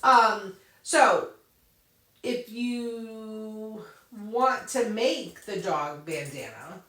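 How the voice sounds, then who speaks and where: A woman with a fairly high, slightly bright voice speaks very slowly and with lively intonation, laughing often as she hosts a casual craft Q&A. A native English speaker, she answers viewers' questions and thinks aloud while demonstrating on her computer. The recording has a roomy echo, and she sits a bit far from the mic.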